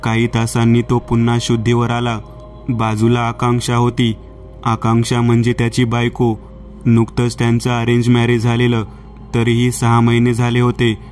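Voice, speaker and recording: Male horror narrator, slow and steady, extremely flat delivery. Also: medium pitch, soft background music. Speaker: horror storyteller.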